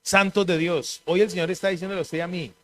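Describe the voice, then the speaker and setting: A man's voice: high-pitched, flat delivery, fast. A male pastor preaching a sermon, asking the congregation questions and acting out other people's voices. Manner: call-and-response preaching, mimics voices, rises to shouting.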